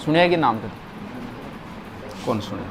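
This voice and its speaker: A man's voice: mid-range voice, lively intonation, slow, background noise. A male teacher, giving a grammar lesson to a class, asking questions and stressing words.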